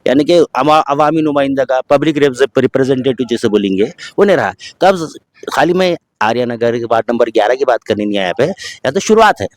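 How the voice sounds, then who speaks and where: A man reporting on a neighbourhood street, speaking. His questions run long and formal, at a middle pitch. The sound is dry and close. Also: lively intonation, a little fast, dry recording. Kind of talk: vox pop interview questions.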